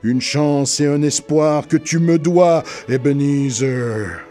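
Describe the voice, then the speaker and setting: Man voicing remorseful old chained ghost, vehement, raised, mellow tone. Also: on the high side, slow, faint music behind, voice pushed up. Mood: grave. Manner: declaiming, vehement and loud.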